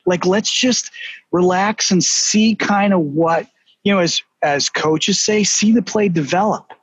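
Husky Boston-accented man telling stories. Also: high-pitched, unhurried, no echo. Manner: storytelling, animated, emphatic. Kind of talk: casual business chat. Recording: dull, slightly lo-fi.

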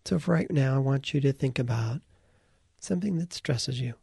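A man leading a slow guided visualization, calm and soft-spoken, sometimes slipping into a whisper. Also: mid-range voice, creaky, breathy edge, no echo, clean studio sound. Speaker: guided meditation leader.

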